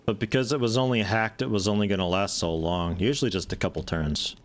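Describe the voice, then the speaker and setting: A man streaming a video game, giving relaxed, wry commentary and swearing casually. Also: on the low side, fairly quick, slight background noise. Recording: game music playing underneath.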